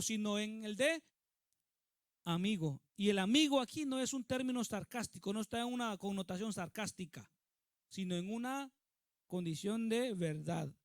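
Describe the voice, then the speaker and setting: A man's voice: sits high, no echo, clean studio sound. A male pastor preaching a sermon with emphasis, often putting questions to the congregation.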